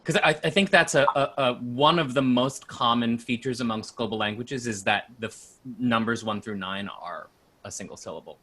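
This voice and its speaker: Joking man with a bright voice. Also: medium pitch, normal speed. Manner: joking, rambling asides. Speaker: panelist. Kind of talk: casual group chat.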